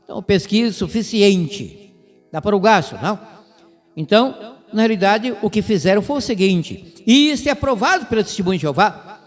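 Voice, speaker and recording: A man's voice: high voice, lively intonation, normal speed, long reverb tail. A man with a Brazilian Portuguese accent giving a radio Bible lesson, explaining step by step and putting rhetorical questions to his listeners.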